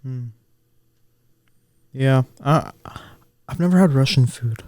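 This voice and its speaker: A man's voice: medium pitch, slow, darkish tone, no echo. A young man co-hosting a podcast in casual chat, laid-back and hesitant, often repeating himself. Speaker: podcast co-host.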